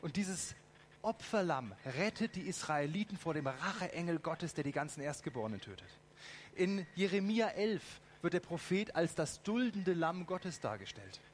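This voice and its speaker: A man preaching a lively sermon, asking the congregation direct questions and adding ironic asides. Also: on the high side, normal speed, slight background noise.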